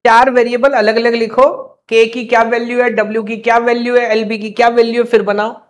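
A young man teaching a live class, quizzing students with quick questions and scolding them playfully to keep them motivated. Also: very high-pitched, little pitch movement.

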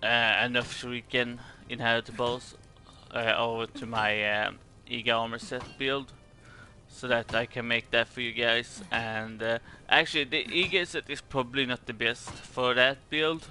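A man's voice: mid-range voice, steady tone, moderate pace, bright, forceful tone, slight background noise. A man from Sweden with a Swedish accent gives casual game commentary in a hesitant, rambling way, repeating words as he goes. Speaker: gaming video creator.

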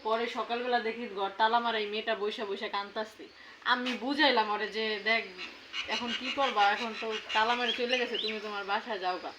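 Brief: woman as a rapid gossipy neighbour aunt, noisy street recording. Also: a little high, fairly even intonation, lightly acted. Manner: gossipy and explanatory. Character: chatty middle-aged neighbour aunt.

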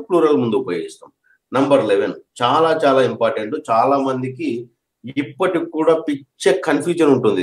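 Man teaching grammar in an echoey room. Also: medium pitch. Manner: repeats points, checks understanding often. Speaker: English teacher. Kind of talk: classroom grammar lesson.

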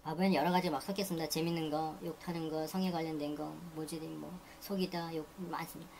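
A low-voiced woman reads vocabulary entries in a steady tone like a teacher, repeating each word twice before going through its definitions. Her delivery is quick and list-like, with a faint hiss in the background.

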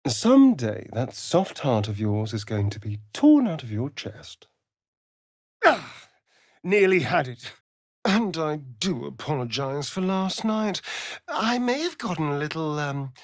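A sly, flamboyantly camp British vampire rogue for a fantasy video game drawls slowly and teasingly, his pitch swooping theatrically from line to line in a very animated, heavily acted performance. His delivery is sardonic, arch, coy and teasing throughout. The recording is dry and close, with no room sound.

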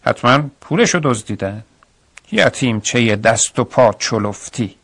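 A man voicing a scornful middle-aged stepmother in a radio story, scolding slowly and sharply. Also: medium pitch, expressive, fairly bright tone, no room sound. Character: stern grumbling stepmother, middle-aged woman.

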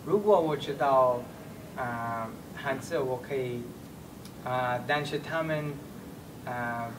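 A man in his twenties, a foreigner speaking simple non-native Mandarin with a foreign accent, hesitant and in broken phrases. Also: takes it slowly. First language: not Mandarin. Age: 20s. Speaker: learner of Chinese. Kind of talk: casual conversation in simple Mandarin. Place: small indoor room, seated on a sofa. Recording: distant mic, noisy rumbling room.

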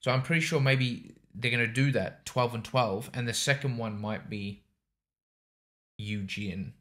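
Speaking at a measured pace in a mid-range, slightly bright voice, a young man chats as a reaction host in a small indoor home studio. He uses a desk boom-arm microphone, and his casual commentary wanders in hesitant, rambling phrases.

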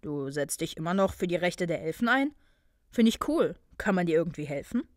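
A woman voicing a brooding young male wizard student, quiet and guilty. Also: big pitch swings, a little fast, dry recording, clean studio sound. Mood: earnest. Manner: quiet, subdued, low murmur.

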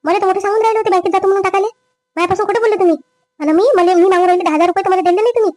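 A woman playing a greedy, scheming young wife in a family drama skit, with a quick, complaining manner. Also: extremely high pitch, steady tone, darkish tone, no room sound. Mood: demanding. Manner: quick, complaining, rising whine. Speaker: daughter-in-law.

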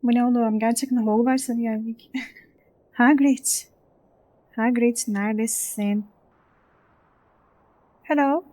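A woman's voice: fairly high pitch, fairly even intonation, normal speed, pauses often, dark tone. A young woman hosting a casual let's-play, reacting to the game, joking and swearing freely. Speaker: gaming channel host.

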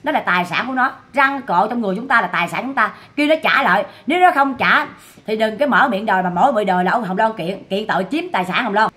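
A woman's voice: medium pitch, quick pace, a bit bright. A woman doing gossip commentary to her viewers, scolding and repeating herself for emphasis. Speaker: online commentator.

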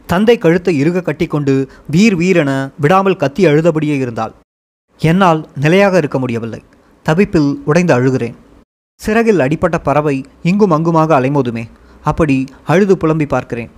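A man narrating a first-person memoir as an audiobook, in a steady, earnest storytelling manner. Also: a little high.

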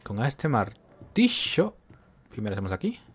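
A man narrates his own game run in a casual, jumpy way, muttering to himself between bursts of fright. His voice is husky and swings widely up and down. Keyboard typing can be heard behind him. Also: medium pitch, wildly swooping pitch, unhurried. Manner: jumpy, talks to himself while playing. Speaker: gameplay commentator. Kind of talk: casual gameplay commentary.

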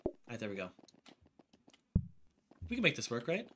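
A host chatting casually while playing a co-op cooking game, laughing often and bursting into excited yelling. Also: mid-range voice, moderate pace. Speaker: host and player. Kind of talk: casual co-op gameplay chat. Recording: noisy gameplay recording.

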